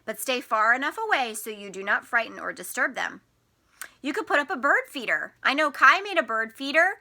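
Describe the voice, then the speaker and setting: Reading a picture book aloud to little kids, a woman teacher uses a fairly high pitch and a bright, forceful tone. She puts expressive stress on important words, explains simply, and poses questions to the children.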